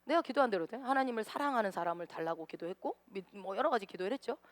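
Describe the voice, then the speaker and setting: A woman's voice: medium pitch, lively intonation, rapid-fire, no room sound, clean studio sound. A woman pastor preaching a sermon in a church, acting out prayers and asking the congregation questions. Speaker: senior pastor.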